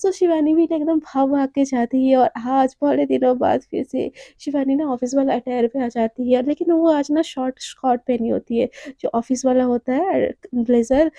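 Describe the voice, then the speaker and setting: Hoarse high-voiced woman telling a story. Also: mellow, dry recording. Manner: chatty, addresses listeners as friends. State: hoarse, sore throat. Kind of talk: casual spoken storytelling.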